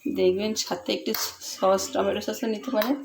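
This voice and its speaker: A woman hosting a home cooking channel talks viewers through a recipe in a casual voice-over, chatty and pleading with them to try it. Her voice sits at medium pitch with fairly even intonation and a moderate pace, against heavy background noise.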